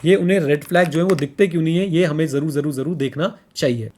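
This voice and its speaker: A man's voice: a little high, quick pace, darkish tone. A man co-hosting a podcast in casual talk, emphatic, repeating his points and mixing in English phrases. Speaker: podcast co-host.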